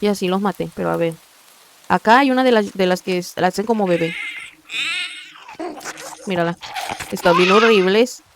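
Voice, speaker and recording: A woman's voice: mid-range voice, heavy background noise. A woman giving casual gameplay commentary, chatty and often murmuring to herself. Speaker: gaming video creator.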